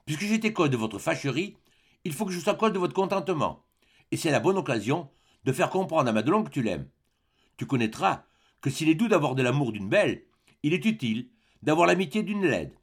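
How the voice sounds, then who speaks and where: A man voicing a gentle, shy young peasant girl who talks softly and coaxingly in an audiobook. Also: fairly high pitch, big pitch swings, a little fast, slightly rough, exaggerated voice. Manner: soft and coaxing.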